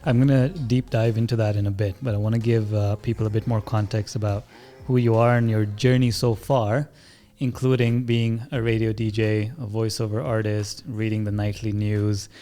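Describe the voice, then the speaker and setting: A man's voice: fairly low pitch, flat delivery, normal speed, mellow. A man hosting a podcast, asking curious and encouraging questions in a casual interview. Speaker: podcast host.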